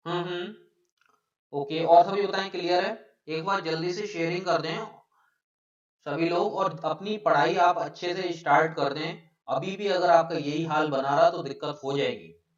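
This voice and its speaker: A male teacher giving a live online exam-prep lesson. He explains a point, keeps asking the students whether it is clear, and reads out their names from the chat. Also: fairly high pitch, fairly even intonation, normal speed. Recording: echoey, distant, dull lo-fi room sound.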